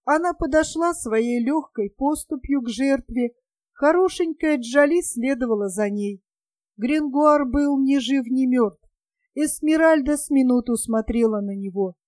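High-voiced woman reading a classic novel. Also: measured pace, a little mellow, no echo, clean studio sound. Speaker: audiobook reader. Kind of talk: audiobook narration of a classic novel.

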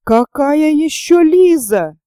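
A woman's voice: high voice, animated, a little slow, warm tone, dry recording, clean studio sound. A woman doing an imperious noblewoman. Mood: angry. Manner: commanding, curt, indignant. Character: imperious, indignant wealthy older noblewoman.

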